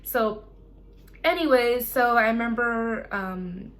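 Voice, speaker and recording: Young woman, slightly high voice, casual vlog chat, chatty storyteller, animated retelling. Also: slow pace. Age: young adult. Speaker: vlogger. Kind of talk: casual chat to camera, personal Q&A.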